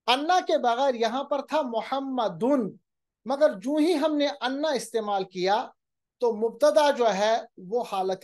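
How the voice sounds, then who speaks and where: Woman teaching grammar, kinda high voice, explains slow and patient, keeps saying okay. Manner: slows down to recite example phrases carefully. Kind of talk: grammar lecture.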